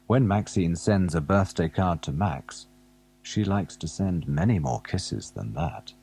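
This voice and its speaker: A man narrating a children's alphabet storybook, gently asking the young listener questions as he goes. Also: low voice, lively intonation, measured pace, creaky, husky.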